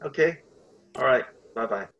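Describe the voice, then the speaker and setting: A man with a husky, creaky voice, talking haltingly in a casual interview as the guest. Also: medium pitch, expressive, a bit bright, lo-fi sound, a little hiss or hum. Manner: halting, hedging with frequent "you know". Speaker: interview guest, academic dean and church leader.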